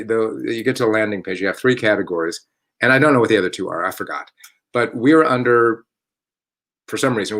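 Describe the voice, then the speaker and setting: An artistic director with a fairly low voice hosts his theater company's casual live-stream chat from home. His delivery is loose and unscripted; he rambles off track, stops to correct himself, and chuckles along the way.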